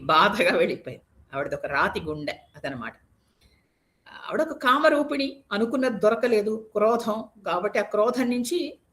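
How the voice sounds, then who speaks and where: A woman's voice: mid-range voice, a bit bright. A woman telling a devotional epic story in a conversational way, explaining the meanings of words and asking her listeners rhetorical questions.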